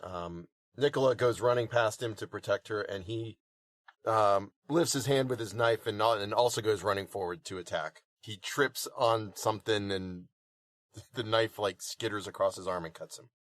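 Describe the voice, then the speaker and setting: A man's voice: on the low side, normal speed, fairly bright tone, dry recording, studio quality. A man player in a tabletop game, hesitantly describing his character's actions. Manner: hesitant, full of uhs and ums.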